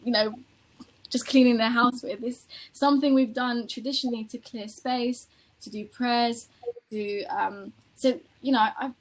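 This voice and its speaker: A woman's voice: a little high, fairly even intonation, unhurried, poor audio. A woman from Iran telling a personal story in a panel conversation, passionate, with many fillers. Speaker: panel guest.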